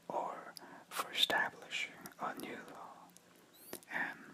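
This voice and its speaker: Whispered ASMR reader for news copy: breathy, fully unvoiced, unhurried delivery. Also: rough recording.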